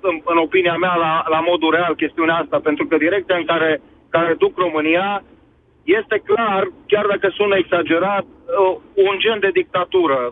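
A man calling in to a radio show from the road, speaking haltingly with many fillers and restarts. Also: high-pitched, fairly even intonation. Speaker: caller. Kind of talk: call-in opinion. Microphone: phone while on the road. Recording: tinny phone line with road noise. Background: faint vehicle noise.

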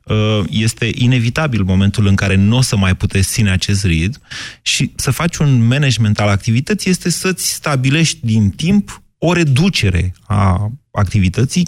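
A man's voice: lowish voice, creaky. A man hosting a radio call-in show, questioning callers bluntly.

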